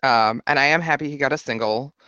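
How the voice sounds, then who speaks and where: A man co-hosting a casual chat podcast, joking and expressive. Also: mid-range voice, quick pace, smooth, no echo. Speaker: podcast co-host. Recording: dry, slightly dull lo-fi recording.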